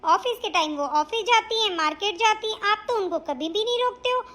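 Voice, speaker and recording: A woman voicing a defiant young daughter-in-law in an animated family cartoon, talking back sharply. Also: very high voice, fairly quick.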